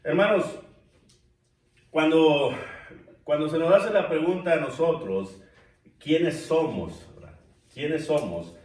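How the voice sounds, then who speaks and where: This man's voice sits on the high side with a darkish tone; he is animated yet slow and pauses often. He's a preacher leading a church Bible class, addressing everyone as brothers and quizzing them. The distant mic picks up an echoey church room.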